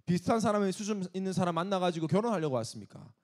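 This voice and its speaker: Man, pastor, emphatic sermon, scolding tone, rhetorical questions, lively swooping pitch. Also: racing. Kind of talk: sermon to a young adult service.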